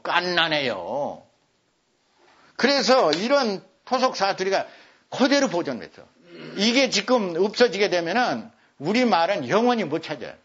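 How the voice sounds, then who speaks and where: A man's voice: sits high, fairly bright tone. An older man giving a lecture, repeating words for emphasis. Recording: dull lo-fi recording.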